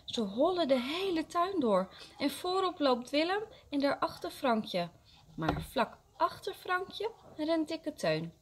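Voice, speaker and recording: Expressive woman reading to kindergarteners. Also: high voice, slow pace, a little hiss or hum. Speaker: kindergarten teacher. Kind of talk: reading a story aloud to young children.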